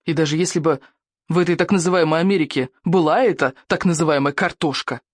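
A man's voice: on the high side, fairly even intonation, quick pace, dry recording, natural voice. A man voicing an eager, anxious young boy who asks earnest and urgent questions. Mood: arguing.

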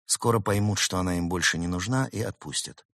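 A man voicing a brave, quick-thinking young male fox in a storybook reading. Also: low-pitched, a bit bright, dry recording, clean studio sound. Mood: reassuring.

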